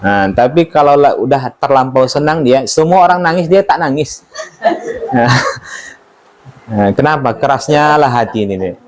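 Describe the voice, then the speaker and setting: A man's voice: mid-range voice, expressive, moderate pace, pauses often. A man teaching a religious study class, talking informally, joking and asking his listeners questions. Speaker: Quran teacher.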